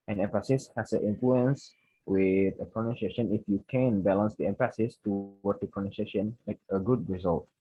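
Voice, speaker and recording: A young man from Indonesia with an Indonesian accent, a student giving a class presentation, reading prepared points haltingly and correcting himself. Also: lowish voice, slightly rough, no echo, narrow, tinny audio. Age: young adult.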